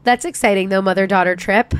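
A woman's voice: mid-range voice, fairly even intonation, fast, clean tone. Congested woman with a cold, chatting casually. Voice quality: congested, stuffy nose. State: has a bad cold. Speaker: podcast co-host. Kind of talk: casual podcast chat.

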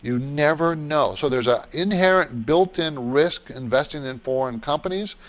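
A man's voice: medium pitch, lo-fi sound. A man hosting a radio call-in show, giving explanatory, unscripted financial advice and posing questions he answers himself.

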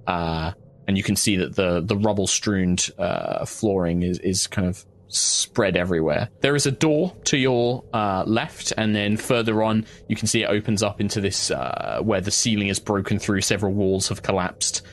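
A man narrating a tabletop game as game master, describing scenes in a measured, halting way. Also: fairly low pitch.

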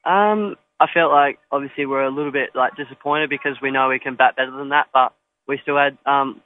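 A young man talks modestly in a post-match interview, stumbling through fillers and restarts. His delivery stays flat and even. The sound is thin and tinny, as if over a phone line. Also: mid-range voice, a little fast, no room sound. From Australia. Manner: hesitant, filler-heavy, modest. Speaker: cricketer.

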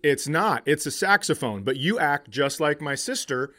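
A middle-aged comedian who hosts a podcast tells stories casually and profanely, acting out what people said in an animated retelling. His voice sits a little high and moves at normal speed.

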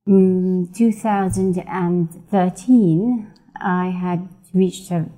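Woman guest from Iraq, lively storyteller; lowish, mellow voice. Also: drawn-out words, rough recording. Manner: animated storytelling, acts out dialogue. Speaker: guest, events founder. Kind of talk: podcast interview.

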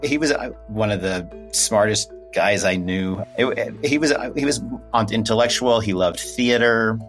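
A man's voice: fairly low pitch, a little slow, a bit bright, faint music behind. A man interviewed for a podcast, recalling a friend hesitantly in a casual way. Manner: hesitant, with fillers and restarts. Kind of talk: casual recollection.

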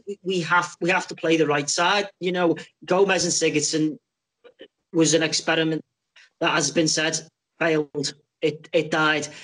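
A man's voice: a little high, fairly bright tone, rough recording. A man giving casual, emphatic football punditry as a podcast guest, repeating himself for stress. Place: video call over Skype.

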